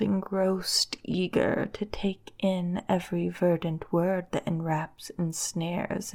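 Woman, lowish mellow voice, ASMR hypnosis, breathy half-whisper right in your ear, slow and soothing. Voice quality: breathy, often slipping into whisper. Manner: soft, close, right in the listener's ear; slow, soothing, lulling delivery.

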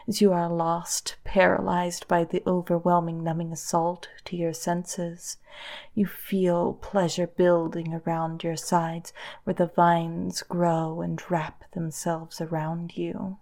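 A woman softly guiding a hypnosis in a lulling, breathy voice that often drops to a whisper, close in the listener's ear. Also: lowish voice, flat delivery. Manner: slow, soothing, lulling delivery. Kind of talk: whispered guided hypnosis, ASMR.

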